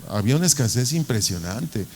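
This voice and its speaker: Mellow-voiced pastor preaching. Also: male voice, mid-range voice, very animated, brisk. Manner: conversational, asks questions and answers them. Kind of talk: sermon.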